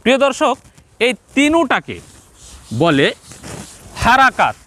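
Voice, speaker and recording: Speaking straight to his viewers, a man with a Bangladeshi Bengali accent teaches Quran reading step by step and slowly goes over every point again. He has a very high, bright, forceful voice that swings widely in pitch. The recording is dry.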